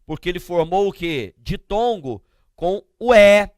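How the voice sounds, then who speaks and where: A middle-aged male teacher with a Brazilian accent lectures on grammar in a high, smooth, clear voice. He speaks slowly and emphatically, asking rhetorical questions and counting out letters one by one. The recording is dry and close, with no room sound. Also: expressive, dry recording. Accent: Brazilian Portuguese. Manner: asks the class questions and answers them himself.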